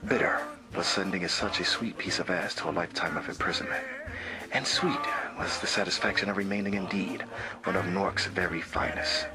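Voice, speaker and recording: Police detective, acted by a man: lowish, wry, deadpan, mock-serious hard-boiled narration over music. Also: a little fast, lightly acted. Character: wry, crude Newark police detective narrating his case. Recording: music behind the voice.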